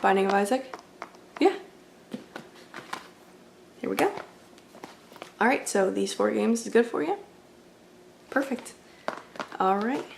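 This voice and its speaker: Against a noisy background, a woman does an ASMR roleplay as a friendly, accommodating video game store clerk, keeping the customer-service chat casual, polite and apologetic. Her mid-range voice is animated and slow, with vocal fry and long pauses.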